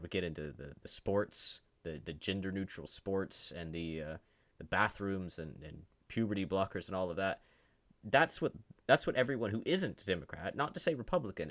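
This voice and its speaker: A low-pitched man hosts unscripted commentary, reading posts aloud and reacting to them with sarcasm and incredulity.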